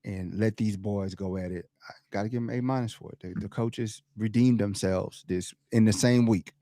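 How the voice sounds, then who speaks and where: A man co-hosting a podcast, talking sports in a casual, animated way, laughing and mimicking the crowd. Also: fairly low pitch, normal speed, no echo. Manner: animated, laughs often, loud shouted impressions of the crowd. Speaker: podcast co-host.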